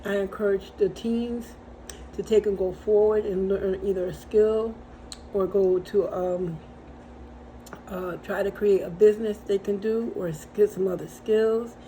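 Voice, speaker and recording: A woman's voice: medium pitch, steady tone, a little slow, warm tone, slight background noise, rough recording. A middle-aged woman hosting a casual faith-based encouragement talk, speaking conversationally with repetitions and storytelling asides. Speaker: host and encourager.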